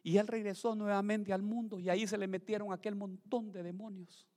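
A male pastor preaching a sermon, swinging from quiet asides to shouted outbursts and acted-out voices. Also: high voice, little pitch movement, brisk, in a large hall.

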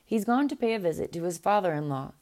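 A woman's voice: lowish voice, lively intonation, fast, darkish tone. A woman reading as curt young Princess September. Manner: short, curt.

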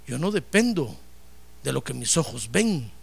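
A man's voice: mid-range voice, very animated, measured pace, vocal fry, slightly rough, voice pushed down, heavily acted. A man voicing a resolute male holy man who firmly refuses temptation and declares why he came.

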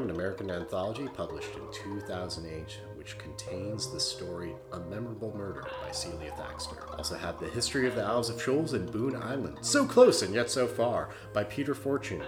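Deep-voiced man with lively delivery. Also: roomy sound. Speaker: podcast co-host. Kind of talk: casual chat.

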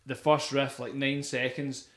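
A young man hosts a laid-back music podcast from an echoey room, going on enthusiastically with lots of fillers. His medium-pitched voice is delivered flatly and a little slowly.

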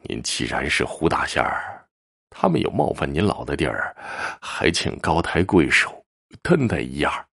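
A man's voice: rumbling low, animated, normal speed, creaky, voice pushed down, exaggerated voice. Man doing a humble, placating elder brother. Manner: soft, placating.

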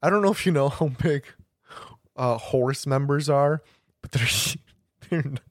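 Young male co-host, mid pitch, casual rambling storyteller, dry close sound. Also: measured pace, no echo. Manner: rambling storyteller, many restarts and laughing fits. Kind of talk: casual chat.

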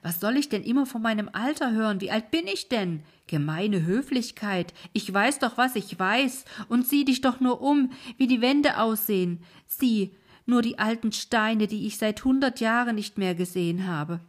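A woman voicing an upset old wife who complains loudly and agitatedly in a fairy-tale reading. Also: on the high side, lively intonation, moderate pace, voice pushed up. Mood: distraught, indignant. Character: distraught, indignant old woman, fussy wife.

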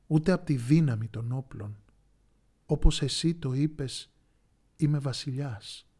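A man voicing a calm teacher on trial who speaks in a measured way in a Bible storybook. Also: medium pitch, lightly acted.

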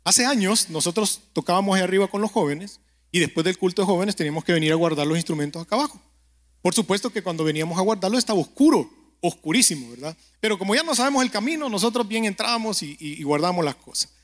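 A man preaching a conversational sermon and prayer, telling stories, speaking straight to the listener and often checking in with a quick question. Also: high-pitched, expressive. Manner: keeps asking the listener "¿verdad?".

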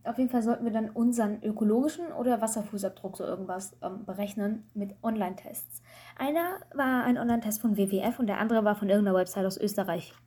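A woman's voice: medium pitch, warm tone, slightly rough. A woman, a student, chatting casually over a call and telling rambling, self-mocking stories with lots of fillers.

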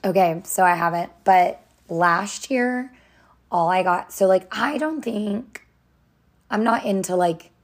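A young woman co-hosting a podcast in casual chat, loud and chatty, her voice slightly hoarse from tiredness. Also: medium pitch, takes it slowly. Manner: loud, chatty, lots of fillers. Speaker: podcast co-host.

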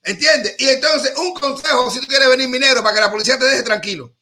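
A man's voice: extremely high pitch, quick pace, sharp tone. A man riffing in a joking, rambling monologue on a talk show, repeating words and restarting his sentences.

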